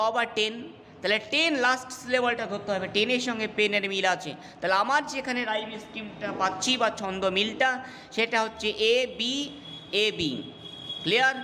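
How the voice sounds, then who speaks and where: A man's voice: extremely high pitch, bright, forceful tone. A man, teaching a poetry lesson and often stopping to check that students follow. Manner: explanatory, checks understanding with repeated questions. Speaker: English teacher. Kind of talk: classroom lecture on poetry. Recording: reverberant room with faint ambient noise.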